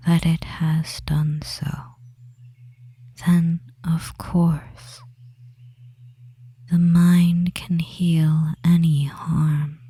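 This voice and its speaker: A performer plays a devious, controlling male witch in a hypnotic ASMR roleplay, murmuring in a hushed, breathy whisper with very little rise or fall. The full character voice is medium-pitched, very dark and extremely slow, soothing the listener with pauses between short phrases, with no room sound.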